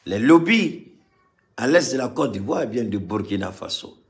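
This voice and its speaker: A Malian man addresses a live audience with impassioned political commentary, using repetition for emphasis and swinging between loud and quiet. Medium in pitch, he is very animated and speaks at a moderate pace.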